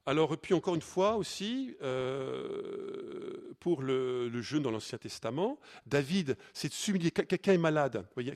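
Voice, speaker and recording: A man's voice: on the high side, gravelly. A male priest giving an informal Lenten teaching to a retreat audience, talking conversationally with many fillers and restarts. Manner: conversational, many fillers and restarts, reads scripture aloud more forcefully.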